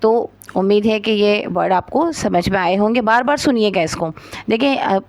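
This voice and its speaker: A woman's voice: medium pitch, darkish tone. Careful Urdu-accented woman teaching English. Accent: Pakistani Urdu. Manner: slow and careful reading of English, then explaining it; spells words out letter by letter. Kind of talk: spoken textbook lesson.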